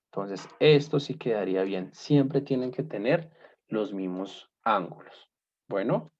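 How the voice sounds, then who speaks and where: A man's voice: on the low side, animated, unhurried, darkish tone. A man teaching a basic math class in patient steps, often checking in with his students. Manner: checks in often with "¿listo?" and "¿cierto?"; patient, step-by-step explaining. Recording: dull lo-fi class recording.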